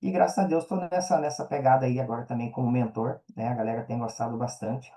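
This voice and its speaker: Fast and dark-toned, with medium pitch and fairly even intonation, a Brazilian Portuguese-accented man chats casually through his interview answers. The guest works as an affiliate marketer and mentor, and his talk is full of slangy phrasing and check-in tags.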